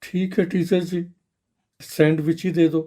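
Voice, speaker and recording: A man voicing a fussy little schoolboy in a children's radio story, talking in an excited, childlike way with his pitch jumping up. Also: unhurried, lightly acted. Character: fussy little schoolboy who wants one food.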